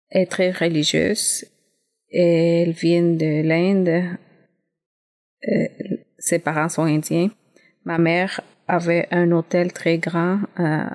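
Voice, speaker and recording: A woman's voice: on the low side, darkish tone. A woman from Guyana asking a question from the congregation, polite and a little hesitant. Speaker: church member asking a question.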